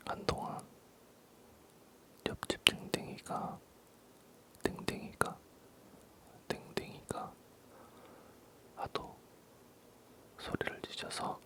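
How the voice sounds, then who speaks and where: Barely audible, slow male ASMR whisper. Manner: slow, halting, repeating words softly. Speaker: ASMR creator.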